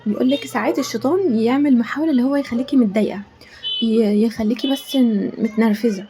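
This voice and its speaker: A woman's voice: fairly high pitch, fast, mellow, slight background noise. A woman with an Egyptian accent, cooking in her home kitchen and chatting in a rambling way with frequent pious asides. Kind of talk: casual chat while cooking.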